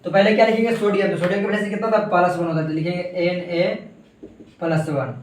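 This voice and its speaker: A chemistry teacher with a fairly high, steady voice lectures his class at a quick pace, working through examples step by step. He keeps throwing rhetorical questions at the students and answering them himself. The mic is far from him in an echoey, roomy space, with slight background noise.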